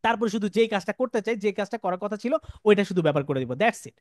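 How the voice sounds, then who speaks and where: A man's voice: sits high, animated, fast, no room sound, studio quality. A male English teacher giving a classroom lecture, repeating phrases and asking the class questions.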